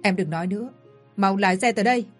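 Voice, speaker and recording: A woman's voice: medium pitch, fast talker, soft background music, natural voice. A woman voicing a young groom in an audio story, terse and cold. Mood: urgent.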